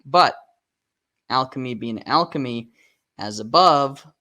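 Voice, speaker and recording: A man narrating a video in a casual scripted style, chatty, with joking asides, and a voice that is going a little hoarse. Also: mid-range voice, animated, slow, bright, forceful tone. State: losing his voice. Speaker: YouTube narrator.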